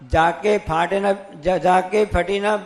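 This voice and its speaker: A man's voice: sits high, fairly even intonation, slow, long reverb tail. A man, a monk, giving a sermon, telling stories with acted quotes and repeated phrases. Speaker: Jain monk.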